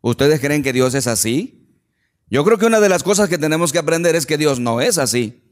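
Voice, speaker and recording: A man's voice: fairly high pitch, lively intonation, fairly quick. A man preaching a sermon and putting emphatic rhetorical questions to the congregation in a church hall. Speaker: pastor. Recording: long hall reverb.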